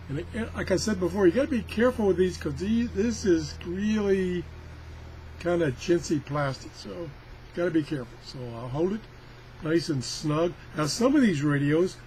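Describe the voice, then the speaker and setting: Poor audio and some background noise surround this radio-review product tester as he chats through a hands-on demo. His slightly high voice has a darkish tone, and he rambles in an extremely casual, folksy, self-deprecating manner.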